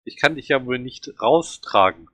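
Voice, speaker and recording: Ein Mann liest eine fürsorgliche Frau, die einem gefesselten Jungen hilft, in einem vorgelesenen Buch. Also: male voice, medium pitch, expressive, sharp tone. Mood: fürsorglich. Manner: hurried, caring. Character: kind woman helping a tied-up boy.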